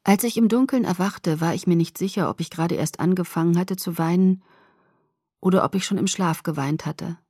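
A woman narrates a novel in the first person, her voice low and breathy. The telling stays soft and hushed, and the sound is dry and close with no room around it. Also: fairly quick, no room sound. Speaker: audiobook reader.

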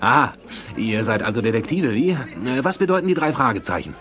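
A man playing a brisk, polite and inquisitive newspaper reporter in an audio drama. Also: medium pitch, sing-song, a bit bright, soft background music. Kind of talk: German audio drama acting.

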